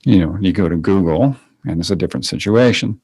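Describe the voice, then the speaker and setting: A man co-hosting a podcast as a Feldenkrais teacher, explaining ideas in a relaxed way with fillers. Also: deep voice, brisk, breathy edge, no room sound, poor audio. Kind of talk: casual conversation.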